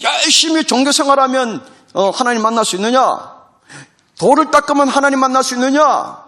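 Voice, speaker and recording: A man preaching a sermon as pastor, animated, asking rhetorical questions and acting out the voices he quotes. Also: extremely high pitch, fairly quick. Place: recorded for a military online worship service.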